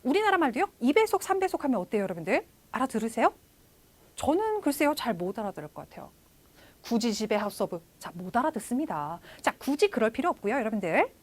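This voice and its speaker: A woman in her thirties delivers an online test-prep lecture in a fairly high voice. Her pitch rises and falls a lot as she talks to her viewers directly. She opens many phrases with a drawn-out "so". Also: very animated. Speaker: English test instructor.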